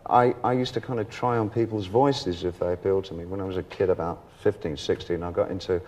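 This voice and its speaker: A middle-aged man talking as a guest on a television talk show, telling lively anecdotes, laughing often and acting out other people's voices. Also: low-pitched, quick pace, lo-fi sound, a little hiss or hum. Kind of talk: casual anecdotal interview chat.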